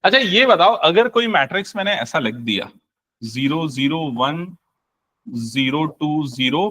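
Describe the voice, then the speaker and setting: A man's voice: a little high, lively intonation, measured pace, fairly bright tone. A young man teaching a live maths class, firing questions at students and answering them himself, mixing English terms into Hindi.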